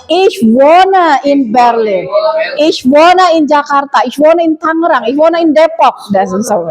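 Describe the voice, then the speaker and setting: A woman teaching German to a class, repeating phrases slowly and clearly for her students. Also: high-pitched, expressive. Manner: slow, drawn-out repetition of phrases for students. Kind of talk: classroom lesson. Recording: noisy classroom crowd.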